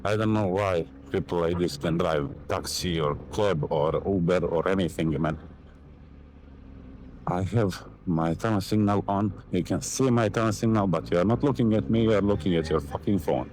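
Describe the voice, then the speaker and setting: A young Montenegrin motovlogger, a native Serbian speaker with a Montenegrin accent, rambles and swears casually into his helmet mic while riding a motorcycle through city traffic. His low, slightly mellow voice moves at a normal speed. The audio is poor, with a little hiss or hum.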